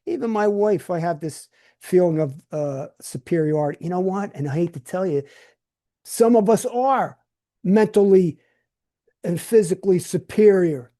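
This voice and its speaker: An older podcast host from New Jersey speaks bluntly in a high-pitched, dark-toned voice at normal speed. His solo monologue is casual and loose, and he often restarts his words.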